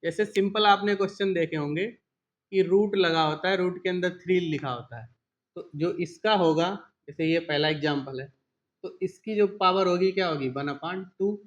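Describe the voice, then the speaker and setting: A male teacher with a high voice works through a math lesson one step at a time. He keeps asking questions and answering them himself, with frequent check-ins. The recording sounds dull and lo-fi. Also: moderate pace. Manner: explains step by step, often asks and answers his own questions; repeats "ठीक है" often as a check-in.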